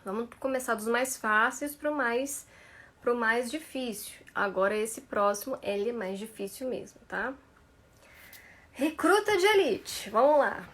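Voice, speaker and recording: A woman's voice: on the high side, animated, a little slow, fairly bright tone. A woman career mentor coaching viewers through tongue twisters on a live stream, playful and laughing often, stretching each syllable carefully.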